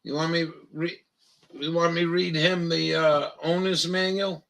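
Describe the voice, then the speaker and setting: Slow gravelly man with a Maine accent. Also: a little high, flat delivery, a bit bright, poor audio. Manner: crude, joking, drawling, reads aloud mockingly. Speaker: livestream host. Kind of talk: rambling casual livestream chat.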